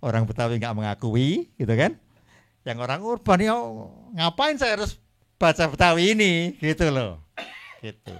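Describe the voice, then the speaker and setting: An older man, an author guest at a book talk, chatting in a relaxed way, laughing often and trailing off his sentences. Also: fairly high pitch, normal speed.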